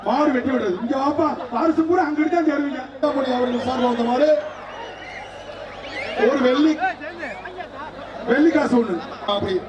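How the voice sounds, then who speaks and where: Brief: male announcer on a loudspeaker, very high yelling voice, echoing from far off, dull sound, loud crowd behind. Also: moderate pace, pauses often. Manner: shouting, repeating short calls. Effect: through a loudspeaker system. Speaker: event announcer. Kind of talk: live shouted commentary. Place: outdoor bull-taming arena. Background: loud cheering crowd and noise.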